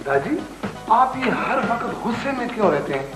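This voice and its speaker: A patient young grandson. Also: male voice, high voice, sing-song, normal speed, music in the background. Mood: coaxing. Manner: coaxing, reasoning gently. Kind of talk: 1980s TV drama acting. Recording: roomy old TV studio sound.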